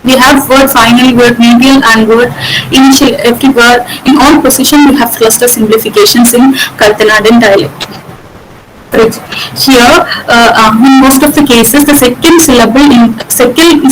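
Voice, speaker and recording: A woman presenting a linguistics lecture, hesitant with frequent fillers and slowing down on example words. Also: on the high side, noisy background.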